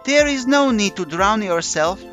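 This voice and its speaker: A playful catgirl with ears and a tail, put on by a man in a storybook reading. Her high voice leaps and swoops as she teases, sly and mischievous. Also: expressive, unhurried, a bit bright, soft background music. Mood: teasing. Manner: teasing, sly. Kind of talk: audiobook character voice.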